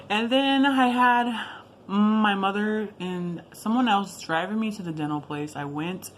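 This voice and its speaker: A woman with a slightly low voice tells a personal story in a casual, rambling vlog style. She drops in asides and corrects herself as she goes, with clear background noise behind her. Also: a bit bright. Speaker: video blogger.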